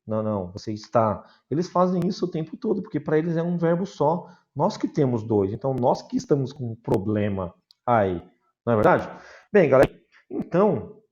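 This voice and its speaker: A man from Brazil teaching a recorded class in a lively, chatty way, addressing his students informally. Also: mid-range voice, dull audio.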